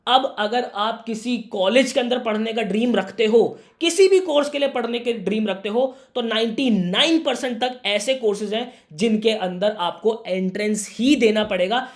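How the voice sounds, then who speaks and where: A young man talks straight to camera, giving students earnest career advice. His voice is a little hoarse from a sore throat. He keeps up a warm, brotherly tone and talks to the viewer as if to a younger sibling. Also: very high-pitched, normal speed, hardly any pauses. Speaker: career guidance YouTuber.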